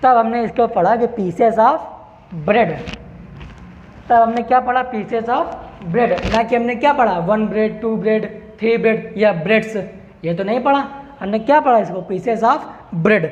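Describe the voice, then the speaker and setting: Pitched high and in no hurry, this man teaches English in an online lesson. He quizzes the class and answers his own questions to reinforce each point, over a dull lo-fi recording with roomy echo and a faint hiss.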